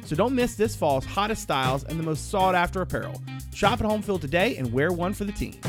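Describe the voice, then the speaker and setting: A man's voice: high-pitched, lively intonation, brisk, over music. A man hosting a podcast, reading a scripted promotional message for a sponsor.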